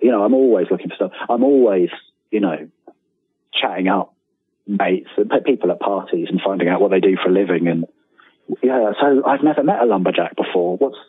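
Here a freelance writer talks as an interview guest in a somewhat low, breathy voice. His manner is casual and meandering, full of self-mockery and restarted sentences. The recording has a tinny telephone sound and echo from the room.

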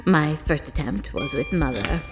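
A woman's voice: low-pitched, animated, measured pace, over music. A woman host making a playfully dramatic announcement for a break in the show.

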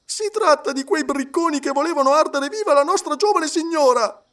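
A man voicing an impatient, excitable young male manservant in an audiobook, blurting shrill exclamations. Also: fairly quick. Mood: agitated. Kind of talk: audiobook character voice.

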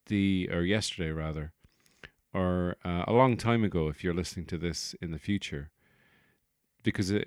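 A man's voice: low voice, no room sound, studio quality. Rambling, jokey podcast man. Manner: rambling, jokey, profane tangents. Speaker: podcast host. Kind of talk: comedic solo podcast monologue.

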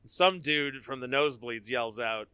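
A man hosting a postgame chat, telling stories and joking in an animated way. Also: mid-range voice, normal speed, clean tone, no echo. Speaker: host. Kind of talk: casual chat.

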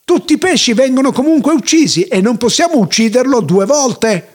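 A man's voice: extremely high pitch, expressive, a little fast, pitched above the performer's own voice. A man voicing a foolish village sage who speaks bluntly and eagerly.

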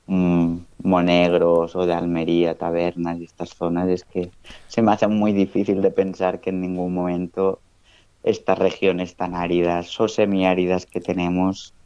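A researcher in his thirties, a guest on a casual podcast, thinks things through aloud and often ends phrases with "¿no?". His low voice is monotone, unhurried, warm and smooth, and the lo-fi sound is dull and dry with no echo.

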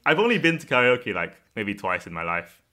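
A man's voice: lowish voice, very animated, fairly quick, sharp tone. A young man, a podcast guest chatting casually and laughing often at himself. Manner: laughs often, self-deprecating.

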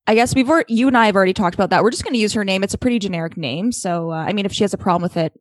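A young woman co-hosts a chatty podcast with wry, teasing remarks. Her voice sits at a middle pitch, and the recording is dry and close. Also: racing, dry recording. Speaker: podcast co-host. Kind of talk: casual chat.

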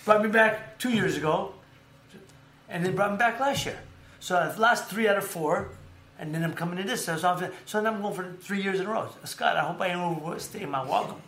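A man hosting a casual sports chat, telling stories in a rambling, animated way with lots of fillers. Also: high voice, fairly quick, echoey room. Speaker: podcast host.

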